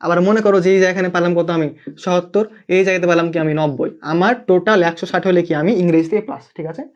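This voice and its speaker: Racing through a live online English lesson, a young Bangladeshi man with a Bengali accent keeps checking in and asking students to leave comments. His voice sits high with fairly even intonation. The audio is dull.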